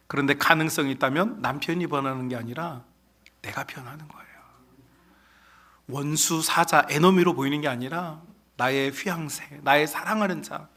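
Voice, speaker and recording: Male pastor giving an emphatic Sunday sermon, voice pitched a little high. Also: pushed and bright. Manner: emphatic, often addresses the congregation directly.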